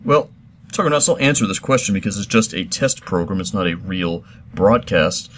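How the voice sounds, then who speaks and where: A middle-aged man hosting a comedy show, answering listener questions in a deadpan, mock-serious, rambling way. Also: sits low, moderate pace, a little hiss or hum. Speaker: host.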